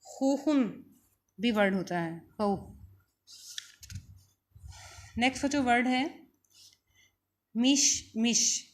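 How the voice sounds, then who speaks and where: A woman with a Pakistani Urdu accent teaching a vocabulary lesson, repeating each word slowly for her students. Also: on the high side, expressive.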